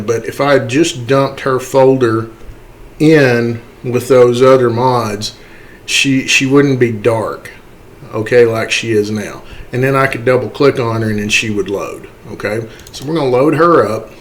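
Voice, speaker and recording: A game modder hosting a computer tutorial talks the listener through it step by step in a mid-range voice at a measured pace. His manner is casual and explanatory, and he often tags points with a checking "okay" or "right."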